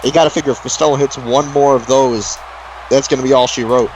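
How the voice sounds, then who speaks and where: A man's voice: mid-range voice, steady tone, fast, a little mellow. Male wrestling commentator over noisy ambience. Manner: wrestling commentator, exclaiming moves and counting near falls. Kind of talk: live wrestling commentary with excited calls and pin counts.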